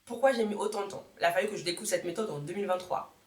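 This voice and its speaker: A woman's voice: mid-range voice, rapid-fire. A woman in her thirties talking casually to her viewers in a motivational vlog, chatty and repeating words for emphasis, often correcting herself as she goes. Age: 30s. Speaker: YouTuber. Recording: echoey room.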